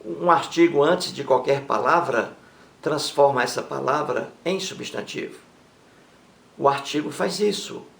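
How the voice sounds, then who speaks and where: A man gives a grammar lesson straight to camera, pausing to read each example sentence slowly and with emphasis. His voice sits at an ordinary middle pitch. The recording has a noticeable roomy echo. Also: gravelly, fairly bright tone, distant mic. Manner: slow, emphatic reading of example sentences, often addressing viewers. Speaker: teacher. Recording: echoey room.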